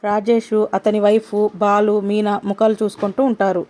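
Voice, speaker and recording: A woman narrating a recap of a family drama in steady, scripted storytelling. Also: medium pitch, normal speed.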